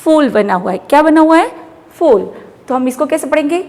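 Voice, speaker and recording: A woman's voice: high voice, expressive, moderate pace, darkish tone, long reverb tail. A woman teacher with an Indian accent giving a phonics lesson to young children, drawing out syllables for them to repeat. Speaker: primary school teacher.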